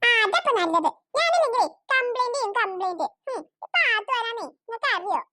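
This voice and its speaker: A woman voicing a bossy, sharp-tongued older woman in a cartoon. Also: very high voice, lively intonation, fairly quick, heavily acted. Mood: grumbling. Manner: scolding, nagging. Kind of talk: cartoon voice acting.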